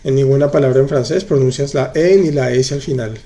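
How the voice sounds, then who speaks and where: With a mellow, mid-range voice, a man teaches French during a live online class. He explains slowly and patiently, going over examples again and responding to questions viewers post in the chat.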